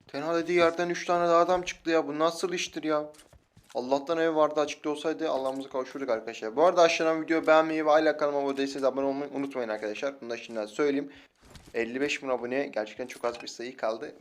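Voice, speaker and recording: Young man, Turkish accent, casual game commentary, taunting, excitable, loud gunfire behind. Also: mid-range voice, background noise. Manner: excitable, taunts opponents, shouts in fights. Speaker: mobile game streamer.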